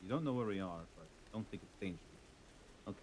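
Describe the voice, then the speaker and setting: A man's voice: on the low side, expressive, quick pace, a little mellow, low-quality recording. A man chatting casually as a tabletop role-player, wry and sometimes hesitant. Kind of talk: casual game chat. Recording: background noise, room ambience.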